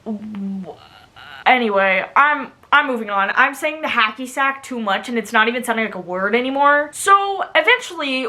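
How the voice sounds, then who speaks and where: A woman's voice: a little high, pushed and bright. A young woman with an American accent tells a personal story in a casual, rambling way, with exasperated emphasis and dramatic asides. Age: young adult. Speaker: vlogger telling a personal story.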